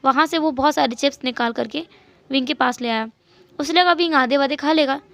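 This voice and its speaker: A woman narrating a fan story in a lively retelling with English words mixed in. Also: sits high, a little fast, gravelly.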